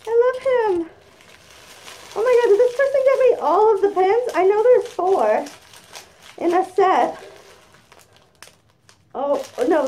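Excitable woman vlogger with a very high, warm voice, speaking from inside a costume head. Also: rough recording. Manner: chatty and excitable, gushing over gifts. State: talking through a costume head. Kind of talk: casual unboxing chat.

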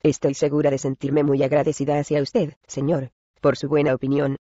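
A man's voice: on the high side, completely flat delivery, fairly quick, mellow, dry recording, lo-fi sound, lightly acted. A man reading the part of a plump, flustered widow who runs an inn, in a storybook reading. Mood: bashful. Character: plump flustered middle-aged widow landlady.

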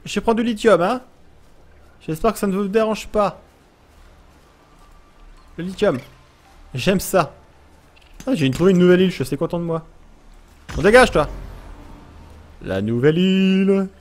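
A man's voice: high-pitched, normal speed, pauses often. A gaming YouTuber commentating a let's play, jumpy and easily scared, yelping and talking to the creatures he meets. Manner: jumpy, frightened, talks to creatures, yelps.

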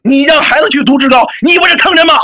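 Shrill, shouting, near-tearful man. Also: rapid-fire. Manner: shouting, tearful, agitated, repeats himself. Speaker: livestream debater. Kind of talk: heated online argument.

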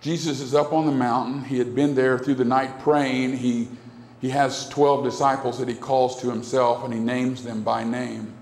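A middle-aged pastor preaches earnestly and repetitively into a pulpit microphone, gesturing broadly, his mid-range voice a little mellow, normal in speed and fairly flat in pitch. The sound echoes through the church sanctuary, captured by a distant camera.

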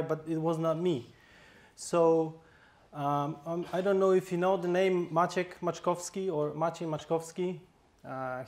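Polish-accented man giving a workshop talk. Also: fairly high pitch. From Poland. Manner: hesitant, with fillers and restarts. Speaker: fire instructor presenting at a workshop. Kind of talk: conference talk, informal. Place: workshop hall.

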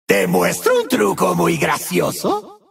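Gleeful menace drives this slow, heavily acted video game role: a murderous demonic party clown voiced with a raspy, gravelly cackle and a Latin American Spanish accent. The actor swings wildly in pitch, moving from singsong taunts to manic shouting to abrupt low growls, over soft background music.

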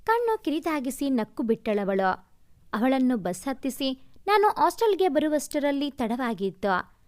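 A young woman tells a first-person audio story with a wry, expressive touch. Her voice sits high and moves about a lot.

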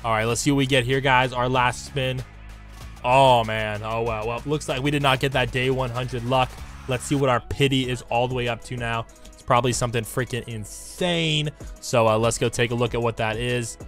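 A man with a hoarse, raspy smoker's voice, recovering from losing it, giving slangy, hyped game commentary to his viewers over music. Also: mid-range voice, steady tone, normal speed, fairly bright tone. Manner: slangy hype talk addressed to viewers. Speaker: gaming YouTuber. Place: indoor room at a computer. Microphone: desk microphone close to the mouth.

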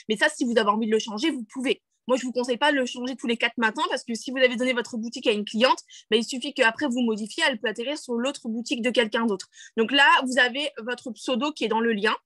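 In a dry recording, a network marketing team leader guides a video-call screen share with a fairly high, fairly bright voice. Her talk is chatty and packed with fillers and restarts, punctuated by "d'accord?" check-ins and laughter at her own English.

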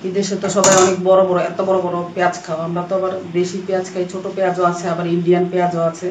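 A woman from Bangladesh with a hoarse voice from a cold, chatting casually as she explains her cooking steps in a home kitchen. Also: on the low side, completely flat delivery, rapid-fire. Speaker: cooking vlogger. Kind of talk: casual cooking vlog narration. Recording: echoey kitchen with frying and rain noise.

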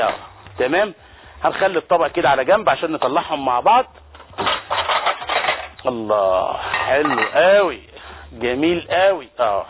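An Egyptian man hosts a TV cooking show at a brisk pace, exclaiming over the food and bantering with his crew. His voice sits a little high. The audio is thin and phone-like, with soft music behind him. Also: slight background noise. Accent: Egyptian Arabic. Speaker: TV chef and cooking show host. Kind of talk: lively cooking demonstration. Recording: tinny phone-like broadcast audio with faint music.

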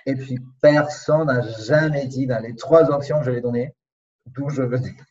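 A man with a slight Spanish accent, a native Spanish speaker, talking as a guest in a casual conversation, reflective and pausing to find his words. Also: medium pitch, distant mic, dull audio, a crowd in the background. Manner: reflective, searching for words, many pauses.

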